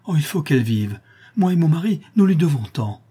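A fervent young woman of the people, her voice lifted and exclamatory, pleading and grateful, as a man reading the story puts her on. The tone underneath is dark and husky, with a gentle climb in pitch on every appeal. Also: big pitch swings, a little fast, full character voice.

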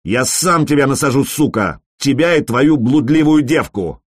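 A man voicing a drunk, brash male warrior who yells crude taunts. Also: medium pitch, lively intonation, normal speed, breathy edge, dry recording, studio quality, pitched above the performer's own voice. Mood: drunk and jeering.

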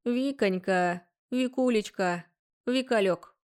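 A woman's voice: medium pitch, takes it slowly, darkish tone, smooth, natural voice. A woman voicing a giddy drunk young man who slurs, hiccups and sings his words on the phone in a storybook reading. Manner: slurred, hiccuping, sing-song.

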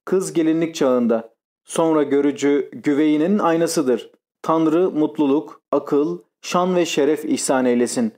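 A male audiobook reader voicing a pious, fretful elderly noblewoman with a mellow voice. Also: a little high, unhurried, natural voice. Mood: pleading. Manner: tearful pleading.

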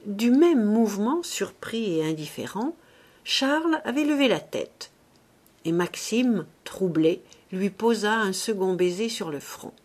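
Slow, measured female audiobook narrator. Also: medium pitch, expressive, darkish tone. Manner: measured, grave storytelling. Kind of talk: scripted narration.

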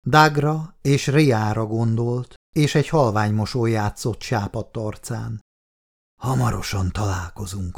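A man narrating a science-fiction audiobook in a measured, expressive reading style, dropping his voice for hushed lines. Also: medium pitch.

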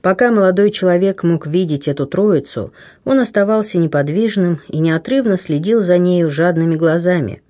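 A man narrating an adventure novel in a measured, expressive storytelling manner. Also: sits high. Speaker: audiobook narrator. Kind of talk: scripted narration.

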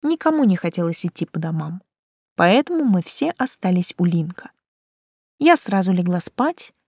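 A woman narrating a first-person audiobook, expressive and animated. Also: mid-range voice, dry recording, clean studio sound.

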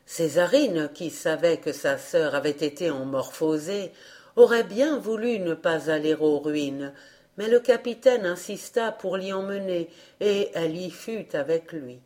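A woman reading a fairy tale aloud as an audiobook narrator, in a slow, measured way. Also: lowish voice, darkish tone. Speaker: audiobook reader.

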